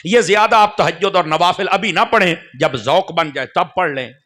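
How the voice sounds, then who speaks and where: High-voiced preacher. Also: male voice, normal speed, fairly bright tone. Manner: addresses the crowd directly, often checking they follow. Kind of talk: sermon. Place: mosque.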